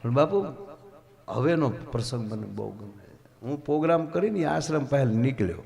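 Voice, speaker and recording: A man's voice: expressive, moderate pace, creaky, darkish tone. A man with a Gujarati accent telling a folk story on stage, acting out the characters with dramatic swings in his voice. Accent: Gujarati, Saurashtra. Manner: dramatic storyteller who acts out characters, big pitch swings. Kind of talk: live dayro storytelling to an audience. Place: live stage program.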